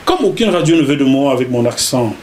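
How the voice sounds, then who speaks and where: A middle-aged man with a Cameroonian French accent, a journalist recounting his career as an interview guest, animated and repeating words as he goes. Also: medium pitch, fast, slight background noise. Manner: animated, repeats words while telling a story. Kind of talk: casual interview storytelling.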